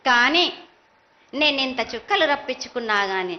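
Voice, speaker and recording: A woman's voice: sits high, lively intonation, normal speed. A woman speaking as a mother goddess in a prophetic trance at a festival ritual, chanting insistent, repeated phrases in reproach and demand. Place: live temple festival ritual. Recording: dull lo-fi live broadcast sound.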